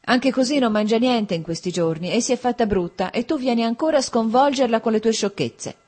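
A woman's voice: on the high side, brisk, a little mellow, pitched above the performer's own voice, lightly acted. A woman doing a fussy scolding mother. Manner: half-joking scolding. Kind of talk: audiobook character reading.

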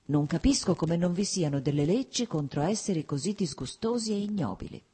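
A woman's voice: lowish voice, animated, a little fast, warm tone, husky. Woman reading as a fretful princess mother. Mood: indignant. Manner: reproachful, emotional. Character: fretful middle-aged princess, quick to reproach.

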